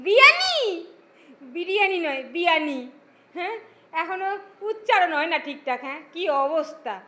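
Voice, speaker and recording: A woman's voice: very high-pitched, a little fast, a bit bright. A woman filming her small daughter at home, coaxing and teasing her with frequent exclamations. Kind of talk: casual home video chat with a toddler.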